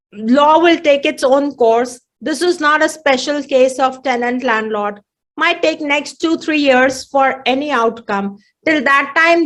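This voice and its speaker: A woman with an Indian accent giving an online training lecture as a mediator, explaining deliberately with repeated phrases, her throat a little choked. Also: high-pitched, fairly bright tone.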